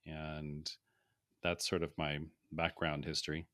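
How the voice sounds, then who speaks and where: Deep-voiced, thoughtful male guest. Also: monotone, fairly bright tone, dry recording, clean studio sound. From Saudi Arabia. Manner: thoughtful, structured, with pauses and fillers. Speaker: guest, portfolio manager. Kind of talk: casual interview.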